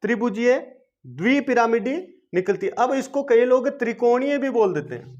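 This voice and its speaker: Very high-voiced yet darkish in tone, this male chemistry teacher talks at a moderate pace with lively intonation. He answers his own questions and repeats ideas in a coaxing manner, all captured in a dull lo-fi video lesson.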